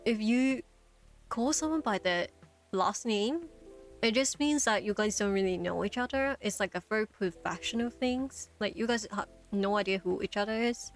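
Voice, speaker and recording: A woman's voice: mid-range voice, moderate pace, faint music behind. A woman who is not a native English speaker, streaming a game in a chatty, self-deprecating way with lots of fillers.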